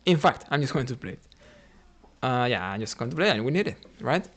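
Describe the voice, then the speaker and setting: Fast and a bit bright, with big swings in pitch around a mid-range center, this man from Cuba narrates his own chess game on stream. He thinks out loud about each move, frequently adds "right?" and chats with the audience between moves.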